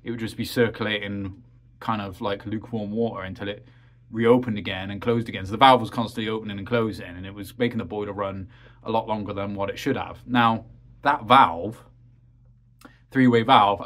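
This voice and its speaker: A man's voice: lowish voice, a bit bright. A man walking through his home heating system in a casual vlog, talking in a rambling, practical way with many ums and uhs, from a cramped crawl space and utility room. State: out of breath after crawling.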